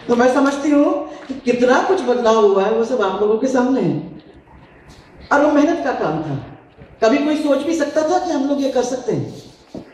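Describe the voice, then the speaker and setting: Woman, political speaker, deliberate oratory, very slow delivery, heavy hall echo, voice from far off. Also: on the high side, darkish tone. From India. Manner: deliberate, oratorical, mixing Hindi and English. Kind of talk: public speech to an audience.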